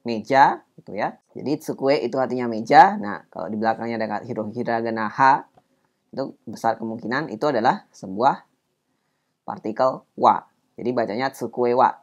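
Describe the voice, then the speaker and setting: A man teaching a Japanese grammar lesson in a casual explaining tone, reading example sentences aloud slowly. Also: medium pitch, gravelly, muffled recording.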